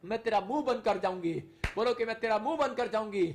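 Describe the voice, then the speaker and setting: A man's voice: sits high, quick pace, noisy background. A male pastor leading a fervent prayer sermon, calling out short repeated declarations for the congregation to say after him. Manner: leads the audience in repeated call-and-response declarations.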